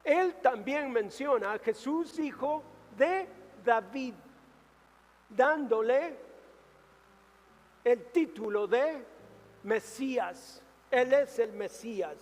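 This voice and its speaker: Male pastor, high voice, slow and deliberate, dramatic swings from loud to hushed, church-hall reverb with faint music. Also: expressive. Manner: preaching with dramatic rises and hushed drops. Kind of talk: sermon.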